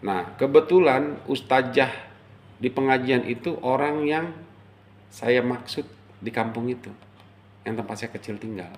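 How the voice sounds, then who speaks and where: A middle-aged man from Java casually telling a personal story, animated and emotional, acting out the quotes. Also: medium pitch, unhurried, pauses often, a little hiss or hum. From Java, Indonesia. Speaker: storyteller recounting his life.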